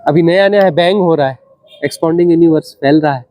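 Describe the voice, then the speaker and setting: A man gives a spiritual discourse in a fairly high but mellow voice. He talks unhurriedly, circling back to his phrases and asking rhetorical questions. The sound is dry and close, with no room around it. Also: fast, dry recording. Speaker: spiritual teacher.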